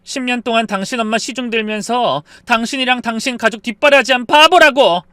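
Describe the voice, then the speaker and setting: A man's voice: very high voice, a little fast, sharp tone, clear, resonant tone, dry recording. A man voicing a defiant, fed-up daughter-in-law. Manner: indignant, defiant retorts. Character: fed-up daughter-in-law, wife of ten years.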